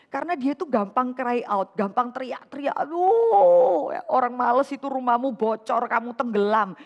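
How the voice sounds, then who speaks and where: Woman vicar delivering a sermon, high-pitched and lively, rhetorical questions with English phrases mixed in, reverberant church hall. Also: moderate pace, dull audio. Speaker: vicar preaching. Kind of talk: sermon to a women's fellowship.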